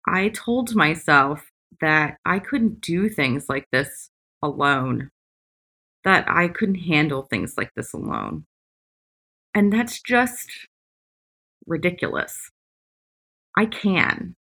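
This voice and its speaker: A woman hosts a reflective personal podcast from the beach, away from her usual gear. Her voice sits a little low with a bright, forward edge. She takes her time, very slowly setting out short phrases with pauses between them. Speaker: podcast host. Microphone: makeshift, not usual podcast equipment.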